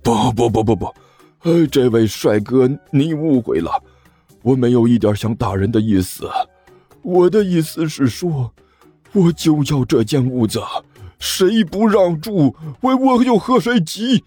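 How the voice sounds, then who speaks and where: Brief: a man playing an old master, drawn-out slow speech, stubborn, lively raised pitch. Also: breathy edge, no echo, faint music behind. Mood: sentimental, insistent. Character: older male master, sentimental and stubborn.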